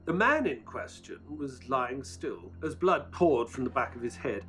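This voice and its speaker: Earnest Watson, animated storyteller. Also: male voice, medium pitch, measured pace, faint music behind. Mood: composed. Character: earnest, courteous Victorian male doctor narrating his friend's case. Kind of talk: audio drama narration and dialogue.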